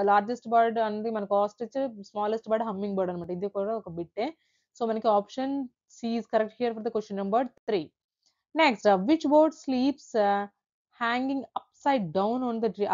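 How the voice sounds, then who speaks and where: A woman with a Telugu accent teaches a quiz lesson at a steady, mid pitch. She reads each question slowly and then explains the answer. The recording sounds a little dull and lo-fi. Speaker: exam-prep teacher.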